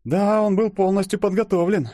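A man's voice: sits high, steady tone, normal speed, warm tone, dry recording, clean studio sound, voice pushed up, close to an everyday voice. A man voicing a clever young female agent in an audiobook, speaking in a matter-of-fact, explaining way.

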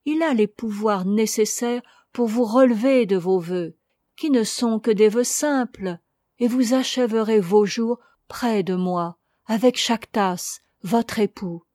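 A woman reading the part of a gentle, fervent old missionary priest in an audiobook, in a solemn, consoling manner. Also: a little high, slow, no echo, clean studio sound.

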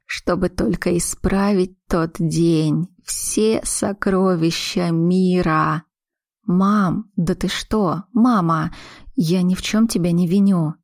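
A woman's voice: medium pitch, darkish tone, no echo, studio quality, lightly acted. A woman voicing a wounded, emotional grown daughter, pleading and breaking with feeling, in a read audiobook.

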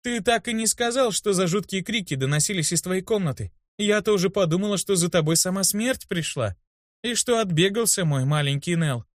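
A bossy, worried young healer woman who fires off questions and scolds. A man acts her out, raising his voice high, with a close, dry studio sound. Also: no room sound, lightly acted. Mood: teasing. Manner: scolding, fussing, quick questions.

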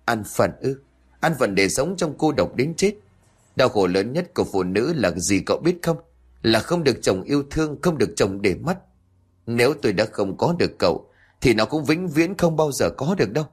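A man's voice: big pitch swings, normal speed, slightly rough. A man voicing a jealous, bitter young wife who speaks in a raised, reproachful tone. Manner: reproachful, pleading, raised pitch.

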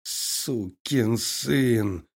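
Man voicing a groaning, tortured prisoner. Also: mid-range voice. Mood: pained, groaning. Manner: pained, groaning, slow. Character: tortured male prisoner in agony.

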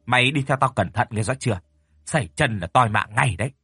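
A man's voice: medium pitch, fairly quick, bright, forceful tone, slightly rough, no echo, clean studio sound, faint music behind. A man voicing a bossy, hot-tempered older brother who barks orders and scolds. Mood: warning. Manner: barking, scolding commands.

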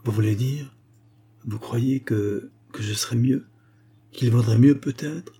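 A man's voice: medium pitch, unhurried, mellow, breathy edge. A man reading aloud, voicing a passionate young mountaineer who speaks lyrically to the woman he loves. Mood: shaken.

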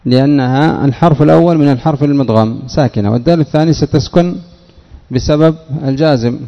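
A man's voice: mid-range voice, in a large hall, dull audio. A man, a sheikh, teaching a classroom lesson on Arabic morphology, stretching out key words and quizzing his listeners with short questions.

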